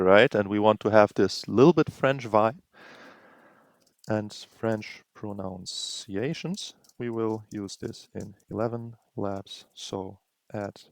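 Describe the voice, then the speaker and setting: Slow, low-voiced man explaining steps. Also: creaky, no echo. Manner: slow, explanatory, thinking aloud. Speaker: tutorial host. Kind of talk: screen-recording tutorial narration.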